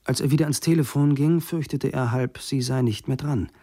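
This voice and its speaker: An audiobook reader, a man with a mid-range voice, narrates a scripted story calmly and at a measured pace. The recording is dry and clean, with studio-quality sound.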